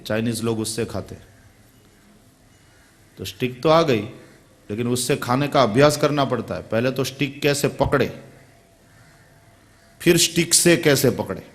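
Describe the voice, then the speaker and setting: Slow, conversational male preacher. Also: mid-range voice, lively intonation. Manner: unhurried, conversational, asks listeners questions. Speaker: spiritual preacher. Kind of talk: devotional sermon.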